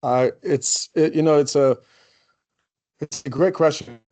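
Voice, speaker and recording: A man's voice: fairly high pitch, unhurried, warm tone. A man in his forties from Croatia, a guest in a casual interview, talking loosely with many "you know"s and restarts. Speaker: guest, company CEO.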